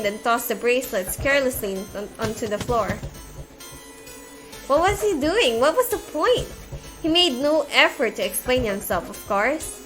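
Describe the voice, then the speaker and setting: A woman's voice: a little high, sharp tone. A woman streamer reading a visual novel aloud, with chatty asides in between.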